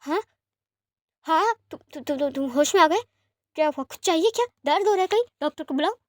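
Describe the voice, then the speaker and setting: A woman's voice: extremely high pitch, animated, no echo, clean studio sound, voice pushed up. A woman voicing a doting, teasing young man who speaks fondly and reassuringly, in a fan-fiction story reading. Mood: alarmed. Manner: fond and reassuring, sometimes quick.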